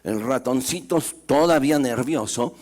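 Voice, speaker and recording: A male pastor telling a fable in a sermon with animated storytelling. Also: mid-range voice, normal speed.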